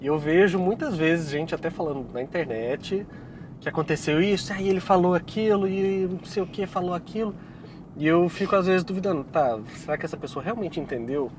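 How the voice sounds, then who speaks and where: A man's voice: high-pitched, a little fast. Chatty Brazilian man in a car. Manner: relaxed, chatty, laughs often. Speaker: co-host, Korean teacher. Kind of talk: casual advice chat. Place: inside a moving car. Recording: faint car noise. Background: faint vehicle noise.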